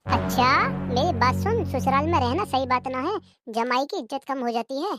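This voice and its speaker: A woman's voice: high voice, expressive, normal speed, loud music behind the voice. A woman doing a pleading cartoon husband. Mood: reasoning. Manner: pleading, placating. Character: young husband caught between wife and mother.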